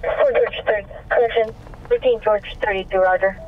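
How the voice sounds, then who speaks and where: A man's voice: sits high, fairly even intonation, normal speed. A man heard over a police radio as a dispatcher, calling out clipped codes and street locations. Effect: police radio transmission. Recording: tinny radio with background noise.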